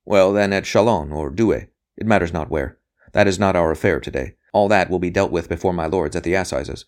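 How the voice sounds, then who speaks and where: A man with a low voice, speaking briskly and lightly acted, voices a relentless official interrogator in an audiobook. He's insistent and coolly impatient, pressing with clipped questions.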